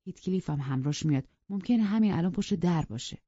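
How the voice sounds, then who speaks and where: A woman voicing a sensible older housekeeper who gives firm, measured counsel. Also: fairly low pitch, lively intonation, dark tone, slightly rough, no echo. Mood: cautioning. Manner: measured, cautioning. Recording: dry, dull lo-fi recording.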